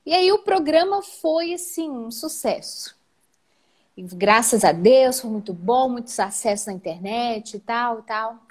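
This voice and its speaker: In a live interview, a guest with a Brazilian Portuguese accent tells her own story with emotion, speaking a little slowly. She is animated, often tags on "né?", and her pitch leaps up suddenly.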